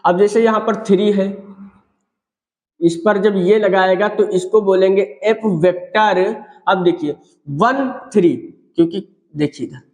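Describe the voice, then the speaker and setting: A high-pitched man teaches physics in a roomy, echoing space. He repeats each phrase and keeps checking in with his students as he explains at the board. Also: measured pace, darkish tone. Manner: repetitive, checks in often with "theek hai" and "bhaiya". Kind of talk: classroom lecture explaining at a board.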